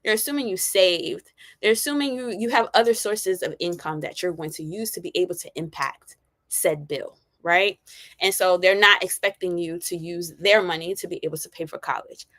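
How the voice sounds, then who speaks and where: A woman's voice: fairly low pitch, moderate pace, fairly bright tone, no echo. A woman in her forties hosting a live college planning session, talking conversationally and often checking in with "right?". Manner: conversational, frequent "right?" tag questions; candid and personable, with fillers. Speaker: college planning advisor and host. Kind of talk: live-streamed informational talk.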